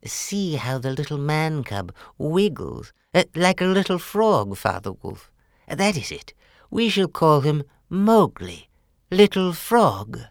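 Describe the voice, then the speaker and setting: Mama wolf from a fairy tale, a lady doing it, low voice, slow, swoops up and down. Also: sing-song, dry recording, clean studio sound, heavily acted. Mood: fond. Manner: soft and lilting with wide pitch swings. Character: fierce, tender mother wolf.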